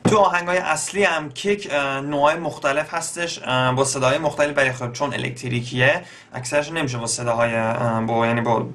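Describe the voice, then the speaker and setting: A young man with an Iranian Persian accent gives a casual beatbox lesson, explaining each step slowly with many pauses and fillers. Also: mid-range voice, a bit bright. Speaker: beatbox teacher. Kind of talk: casual spoken tutorial.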